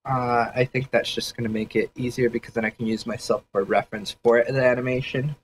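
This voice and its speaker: A man's voice: mid-range voice, fairly even intonation, fairly quick, slight background noise, poor audio. A man casually thinking aloud during a livestream sketch session, rambling and hedging with fillers as he explains his ideas. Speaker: 3D artist streaming a sketch session.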